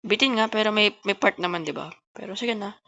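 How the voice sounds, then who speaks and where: A woman who talks fast, giving casual gameplay commentary and chatting to her viewers as host of a gaming channel. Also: mid-range voice, pushed and bright, lo-fi sound. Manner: fast-talking.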